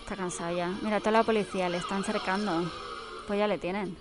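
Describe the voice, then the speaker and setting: A woman's voice: medium pitch, fairly even intonation, fast talker, over music. A woman chatting casually while she watches a film, exclaiming and tossing in playful asides. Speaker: film commentator.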